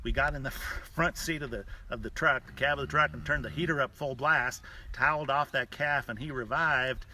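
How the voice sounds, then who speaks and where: A man's voice: mid-range voice, brisk, few pauses, pushed and bright. Folksy rancher man talking outdoors, noisy recording. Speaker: rancher hosting a live stream from a ranch. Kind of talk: unscripted explanatory talk and storytelling. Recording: distant mic outdoors, clear background noise. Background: cattle mooing.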